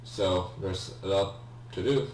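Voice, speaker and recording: A young native Polish speaker with a Polish accent hesitantly narrates a game he's playing, let's-play style, in a deep, slow, slightly mellow voice. He keeps apologizing, restarting and saying "um." The room echoes, the mic sits far away, and a faint hum runs underneath.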